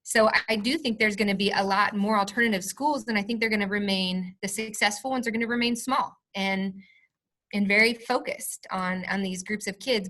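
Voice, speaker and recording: A woman from Missouri, USA, an alternative school administrator, appears as a guest in a podcast interview, speaking earnestly and passionately and stressing words. Her medium-pitched voice sounds pushed and bright.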